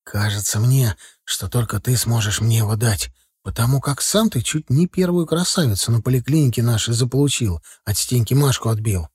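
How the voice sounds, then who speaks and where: A man voicing a lovesick young male village driver who pleads and whines excitedly. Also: mid-range voice, moderate pace, husky, dry recording, clean studio sound. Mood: pleading. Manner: excitable, whiny, insistent.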